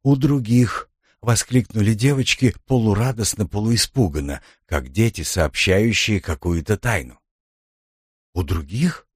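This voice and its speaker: Male audiobook narrator, measured delivery, lower voice, dry close sound. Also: no room sound. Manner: steady, measured reading. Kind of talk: scripted narration.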